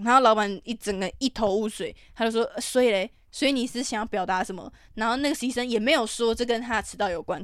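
A young woman with a Taiwanese Mandarin accent hosting a podcast, telling stories in a casual, profane style that bursts into loud, animated rants. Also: medium pitch, no room sound, clean studio sound. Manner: profane, ranting, animated outbursts. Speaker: podcast host. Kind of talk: casual storytelling monologue.

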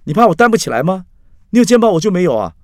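A drunk, desperate young man whose voice shoots high and loud, indignant and pleading in a storybook telling, as a male narrator puts him on. He sounds lively and strained. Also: rapid-fire, dry recording, studio quality. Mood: pleading outburst.

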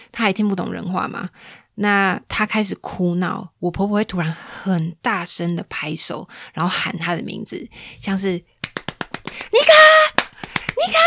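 A woman's voice: no echo, clean studio sound. A woman, hosting a casual parenting podcast in a chatty, playful way. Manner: chatty, playful, acts out quoted lines in a higher voice. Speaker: podcast host.

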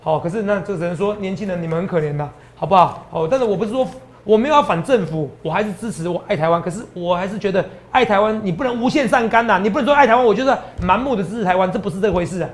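Rapid-fire boastful Taiwanese stock analyst man. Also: sits high. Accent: Taiwanese Mandarin. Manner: animated, boastful, lecturing the audience as students. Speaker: stock market analyst host. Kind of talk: fast stock-tips talk show.

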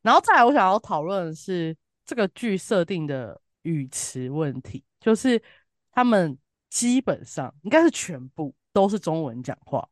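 A woman's voice: mid-range voice, no room sound, studio quality. A woman from southern Taiwan with a southern Taiwanese Mandarin accent, chatting casually and bluntly as a co-host with emphatic, colloquial opinions. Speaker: podcast co-host reviewing TV drama.

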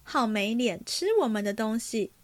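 A woman reading aloud, voicing a cheeky, quick-witted young maidservant with playful retorts. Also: a little high, steady tone, close to an everyday voice.

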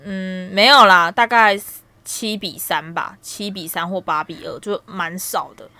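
Animated woman telling stories. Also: fairly low pitch, unhurried, no echo. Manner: animated storytelling, laughs a lot. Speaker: podcast co-host. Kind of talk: casual chat.

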